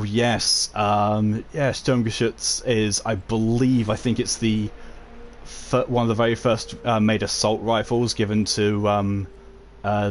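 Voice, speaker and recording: Streaming a video game, a man with a fairly low voice chats casually, rambling and chuckling often as he reads and answers chat messages while playing. There's slight background noise.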